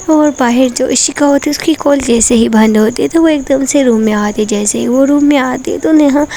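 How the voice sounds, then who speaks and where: A woman narrating a romance story in a plain, unhurried way with small fillers. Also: on the high side, vocal fry, mellow, slight background noise.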